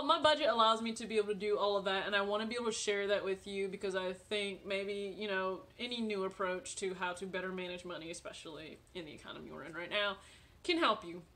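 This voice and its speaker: A woman's voice: mid-range voice, fairly bright tone. A woman in her late twenties chatting casually to camera from her living room, friendly and talkative with frequent laughs and fillers. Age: 20s. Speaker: vlogger.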